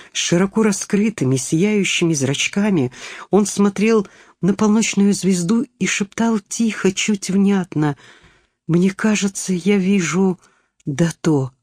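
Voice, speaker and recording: A woman narrating a storybook in a calm, measured way. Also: fairly low pitch, no echo, studio quality. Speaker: audiobook reader. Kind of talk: scripted narration.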